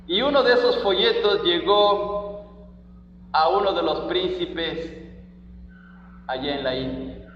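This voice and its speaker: A man's voice: high-pitched, takes it slowly, pauses often, dull audio, slight background noise. A man preaching a sermon as pastor, reading scripture with emphatic stress on each phrase, recorded in a church hall.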